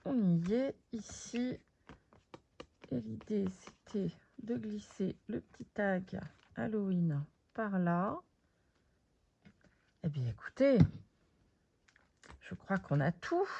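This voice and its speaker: Woman crafter, casual show-and-tell, slow and creaky, muffled lo-fi sound. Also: mid-range voice, darkish tone. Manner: thinks aloud with many fillers and pauses. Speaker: crafter presenting her project. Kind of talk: casual craft video commentary.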